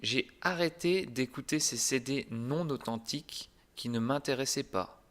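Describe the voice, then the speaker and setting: Man, language teacher, scripted lesson, very slow delivery, calm, clear diction. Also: mid-range voice. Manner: calm, deliberate, clearly articulated. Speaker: French teacher.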